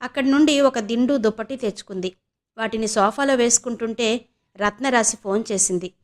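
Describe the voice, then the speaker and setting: A woman from Andhra Pradesh narrating an audio novel in a steady, even storytelling manner. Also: a little high, a little fast. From Andhra Pradesh, India.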